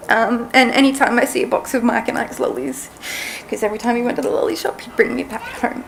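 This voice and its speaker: A woman's voice: on the high side, fairly even intonation, vocal fry, slight background noise, poor audio. A young woman reading a tender family eulogy at a funeral service into a podium microphone. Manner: slow, tender, emotional.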